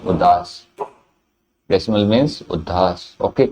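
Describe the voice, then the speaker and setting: A man's voice: fairly low pitch, fairly even intonation, moderate pace, warm tone, a little hiss or hum. A man with a Hindi accent teaching English vocabulary in a classroom lecture, repeating each word and answering his own questions.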